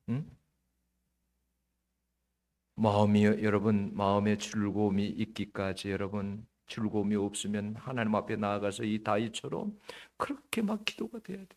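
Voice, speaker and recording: A man preaching a sermon as pastor, asking the congregation direct questions and swinging between loud and hushed delivery. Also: on the low side.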